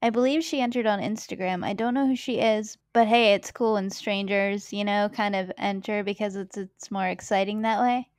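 A woman's voice: medium pitch, fairly even intonation, normal speed, hardly any pauses. A young woman from Massachusetts hosting a podcast, chatting casually and reading facts aloud. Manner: chatty, giggly, reads facts from notes. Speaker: podcast host.

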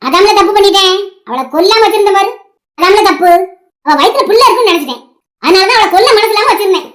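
Her very high, slightly bright voice races along expressively as she plays a scornful elderly village woman in a cartoon, a scheming, vengeful character who taunts and scolds.

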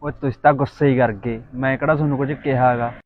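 A man's voice: medium pitch, fairly even intonation, fast talker, no room sound, natural voice. A young man plays a lovesick village lad, mournful and pleading. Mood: pushy pleading. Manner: mournful and pleading, dropping his voice. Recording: tinny phone-like sound.

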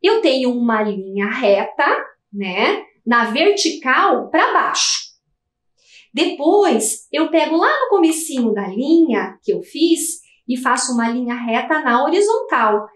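A woman's voice: high-pitched, sing-song, unhurried, roomy sound. A Brazilian woman teacher patiently explaining step by step in a televised lesson for young children. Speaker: primary school teacher.

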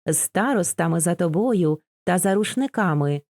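A woman reading the part of a lovesick young Cossack who speaks in an earnest, gentle and sorrowful way, in an audiobook. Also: lowish voice, expressive, moderate pace, dry recording, studio quality.

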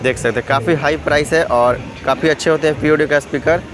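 A man vlogging through an expo hall, listing models and prices in a steady, repetitive way. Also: a little high, quick pace. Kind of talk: walkthrough vlog listing prices. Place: busy indoor trade expo hall. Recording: noisy expo hall phone recording.

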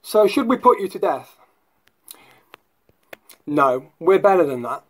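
A man's voice: high-pitched, big pitch swings, slow. A man hosting a casual vlog, talking in a mocking, sardonic way. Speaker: YouTube host.

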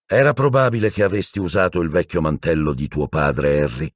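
Male narrator as calm middle-aged wizard mentor, measured, husky, dry studio read. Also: low-pitched, no room sound. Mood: explaining. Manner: measured, explaining, mildly impatient.

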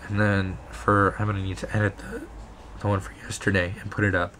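A man in his twenties with a hoarse, lost voice that breaks into whisper, chatting casually to a vlog camera in a small bedroom. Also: on the low side, flat delivery, fairly quick, a bit bright, a little hiss or hum. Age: 20s. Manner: weak on-and-off voice dropping to whisper. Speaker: vlogger.

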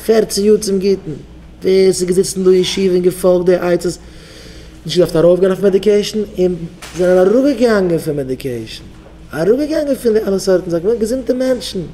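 Mellow-voiced rabbi exhorting his students. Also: high-pitched, a little fast, slight background noise. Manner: exhorting, leads the crowd in call-and-response chants. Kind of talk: Yiddish sermon to yeshiva students.

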